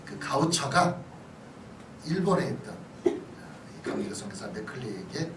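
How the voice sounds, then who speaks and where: Unhurried and with big swings in pitch, a pastor with a mid-range voice delivers a conversational history talk in a church hall, frequently asking listeners questions and adding asides. The recording is echoey, distant, and noisy in the background.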